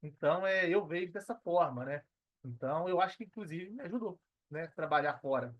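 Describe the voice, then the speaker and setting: This casual podcast interview features a Brazilian man in his thirties, who works as a personal trainer and affiliate marketer and keeps seeking agreement with slangy tags. His slightly high voice is expressive and a little fast, recorded dry with the highs cut off.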